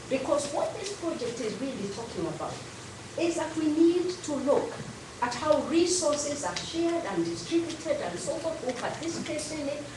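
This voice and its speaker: Kenyan woman speaking in an echoey hall. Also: on the high side. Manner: earnest, emphatic, with frequent fillers and "so forth". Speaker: guest speaker, educator and activist. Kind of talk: public talk to a community audience. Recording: echoey hall, distant mic, background noise.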